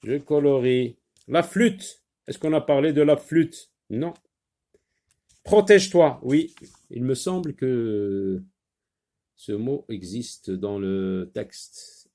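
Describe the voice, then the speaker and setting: A man's voice: medium pitch, takes it slowly, warm tone. A man with a Maghrebi French accent, teaching a reading lesson and patiently sounding out syllables.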